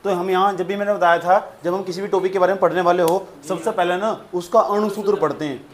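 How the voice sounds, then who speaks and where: A man with a fairly high voice teaches science in a classroom. He drills each term by saying it twice and keeps checking whether his students follow. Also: steady tone, quick pace. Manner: repetitive, drills terms, quizzes students. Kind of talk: classroom lecture.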